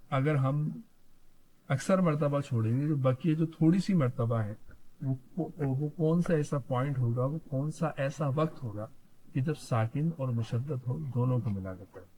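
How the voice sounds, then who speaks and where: A man's voice: medium pitch, warm tone, poor audio. A man teaching Quran reading, spelling out letters one at a time, who asks questions and then answers them himself. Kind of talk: slow spelled-out recitation lesson.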